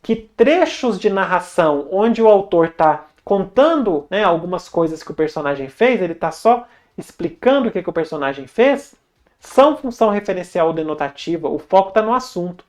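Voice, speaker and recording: A young woman teaching an online grammar lesson in a Brazilian Portuguese accent, chatty and lively, talking straight to the viewer. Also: fairly low pitch, normal speed.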